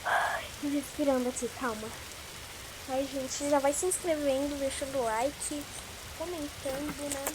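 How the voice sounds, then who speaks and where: Nervous high-voiced woman gaming. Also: fairly even intonation, unhurried, background noise. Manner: anxious, exclaims often, talks to viewers. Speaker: gaming streamer. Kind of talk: live game commentary.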